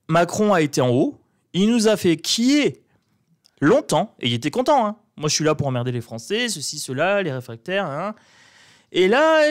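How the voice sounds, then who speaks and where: A man with a northern French accent talks through a tarot spread in a loose, chatty way, throwing in mocking asides. His voice sits a bit high for a man. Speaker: tarot card reader. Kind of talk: casual tarot reading monologue.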